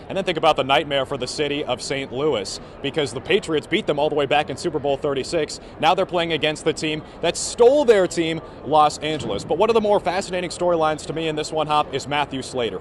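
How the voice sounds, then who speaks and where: Here a sportscaster in his early twenties runs through play-by-play and sports reports briskly, barely pausing, his pitch fairly high. There's clear background noise from the venue.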